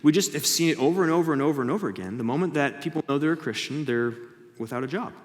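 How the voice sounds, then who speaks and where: A man's voice: on the high side, animated, rapid-fire, in a large hall. A male pastor with a Canadian accent, preaching a conversational sermon and now and then acting out mocking voices. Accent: Canadian English. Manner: conversational, acts out mocking voices with sudden loud jumps.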